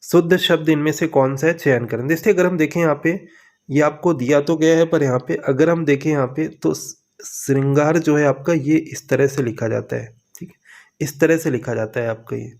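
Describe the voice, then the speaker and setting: A man teaching an exam preparation lesson, walking through questions with steady, repetitive coaching and frequent check-ins. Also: fairly high pitch, normal speed.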